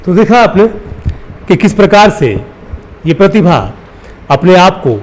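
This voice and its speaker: A man presenting a news feature, speaking in an earnest, admiring way with pauses and filler sounds. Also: on the high side, a little mellow. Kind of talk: on-location news feature commentary.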